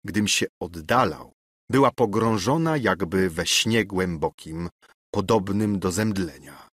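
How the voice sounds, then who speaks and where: A man reading an audiobook voices a passionate young male officer, loud, pleading and furious, in a slightly raised voice. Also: low voice, animated, measured pace, breathy edge, no echo, full character voice. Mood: impassioned.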